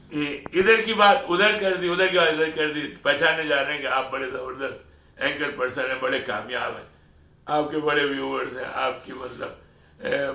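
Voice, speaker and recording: Middle-aged man, from Pakistan, high voice, gravelly, lecturing opinion monologue, echoey room, distant mic. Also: bright, forceful tone. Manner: lecturing, exhorting listeners with rhetorical scolding. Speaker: channel host.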